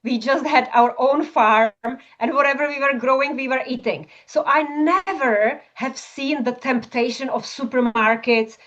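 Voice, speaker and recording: A woman's voice: high voice, a little slow, few pauses, fairly bright tone. A woman from Czechoslovakia, a functional medicine practitioner, explaining passionately in an interview, often ending points with tag questions. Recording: dull lo-fi audio.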